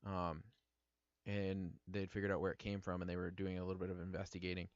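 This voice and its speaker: A man's voice: low-pitched, completely flat delivery, a little fast, no echo. A man co-hosting a podcast, retelling a movie in a casual, rambling way with fillers and restarts. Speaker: podcast co-host. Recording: dull lo-fi podcast audio.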